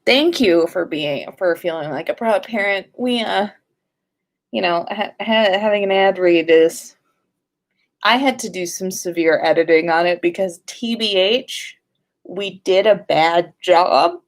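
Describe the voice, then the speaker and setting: On a livestream, a woman with a medium-pitched voice chats casually and reads listener fan fiction aloud, speaking a little slowly. She's a podcast host whose style is informal and playful, with swearing and frequent self-interruptions.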